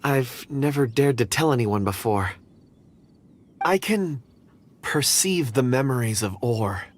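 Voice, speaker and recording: Earnest, shy, animated young man. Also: mid-range voice, slow pace, a little hiss or hum. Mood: nervous, confiding. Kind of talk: video game voice acting. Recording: music behind the voice.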